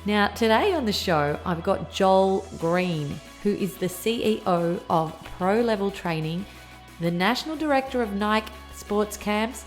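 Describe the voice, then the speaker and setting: A woman with an Australian accent and a hoarse, croaky, husky voice, hosting a podcast with introductions and interview questions. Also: medium pitch. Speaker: podcast host.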